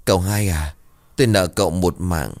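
A man's voice: low-pitched, moderate pace, darkish tone. A man voicing a frightened, tearful middle-aged woman homeowner who speaks in an emotional, pleading way.

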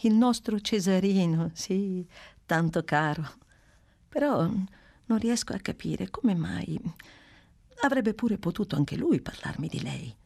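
A woman voicing a small, bony aging schoolteacher who talks in a confiding, often whispered hush. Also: mid-range voice, animated, a little slow, voice pushed up. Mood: indignant. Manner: hushed, often whispered asides.

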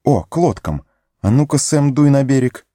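A man's voice: very animated, normal speed, warm tone, no room sound, clean studio sound. A man voicing a loyal, fretful young male hobbit servant in an audiobook, pleading and tearful in a raised voice. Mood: frantic. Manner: high pleading, sobbing, breathless. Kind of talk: audiobook character voice.

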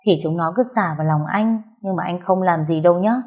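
A woman's voice: on the low side, a little fast, darkish tone, lightly acted. A woman voicing a drunk young husband who coaxes and teases his wife, in a told story. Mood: coaxing.

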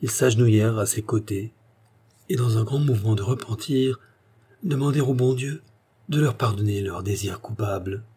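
A man reads a short story aloud as an audiobook narrator, calm and measured. His voice is low, dark and slightly husky.

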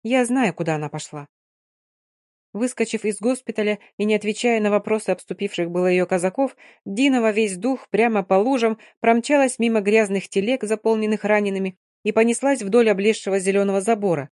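A woman reading an audiobook in a steady, even narrating voice. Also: mid-range voice, a little fast, hardly any pauses, no room sound, clean studio sound. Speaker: audiobook reader. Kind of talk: scripted narration.

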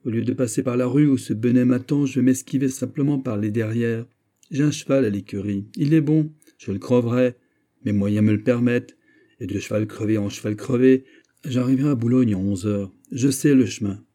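A man's voice: mid-range voice, brisk, lightly acted. A man reading an audiobook and voicing a bold, mocking middle-aged male musketeer. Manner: lively, boastful, mocking. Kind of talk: audiobook character voice.

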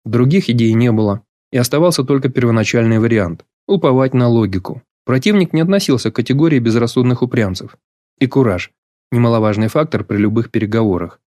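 A male audiobook narrator with a mid-range voice that is neither high nor low. He reads the novel in a measured, even storytelling manner and keeps a steady, unhurried flow of scripted narration. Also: no room sound, clean studio sound.

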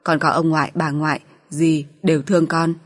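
A kind young uncle, put on by a woman reader, soft and soothing, his voice a touch lower than the narration. The tone is husky and hushed. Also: level tone, normal speed, no room sound.

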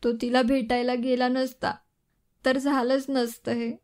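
A woman's voice: high-pitched, level tone, unhurried. A woman voicing an upset young wife who answers sharply and through tears. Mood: tearful. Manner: sharp and tearful.

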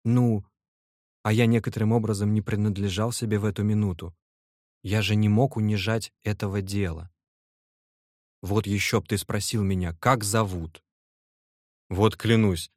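A man voicing a nervous, lovestruck young male clerk in an audiobook, speaking in a halting, heartfelt way. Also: lowish voice, fairly even intonation, a little mellow, no room sound, clean studio sound, close to an everyday voice. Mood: earnest.

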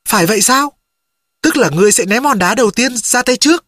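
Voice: mid-range voice, expressive, brisk, a bit bright, no room sound. A reader voicing a talking male tiger from an audiobook, blunt and proud, answering in curt challenging replies. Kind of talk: audiobook dialogue.

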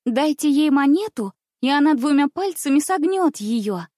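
An honest, gentle young circus girl who speaks simply and earnestly, in a raised childlike pitch , as a woman reads her in a storybook. The sound is dry and near. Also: animated, moderate pace, dry recording.

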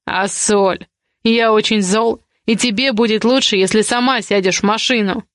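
A woman's voice: steady tone, no echo, studio quality, lightly acted. A woman reading the lines of an angry, possessive man, a domineering guardian, with curt commands. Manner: curt, commanding, low and slow.

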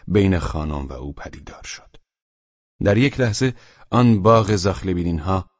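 Low husky guy reading a novel aloud, dull dry recording. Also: darkish tone, no echo. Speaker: audiobook narrator. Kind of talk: scripted narration.

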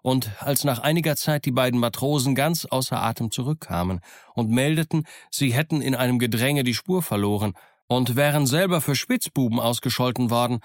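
A man narrating an audiobook in a calm, measured storytelling manner. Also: mid-range voice, no echo, studio quality. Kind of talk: scripted narration.

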